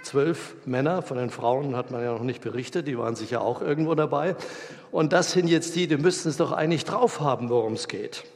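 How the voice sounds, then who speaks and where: A man preaching a sermon in a lively, colloquial way, acting out the scenes he tells. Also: mid-range voice, fairly quick. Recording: reverberant hall.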